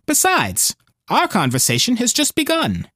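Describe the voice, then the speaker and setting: A man's voice: very high voice, wildly swooping pitch, sharp tone, dry recording, clean studio sound, voice pushed up, full character voice. A man voicing a cheerful, placid older fisherman in a storybook reading, speaking heartily and without hurry in a raised voice. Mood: wry. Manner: hearty and unhurried.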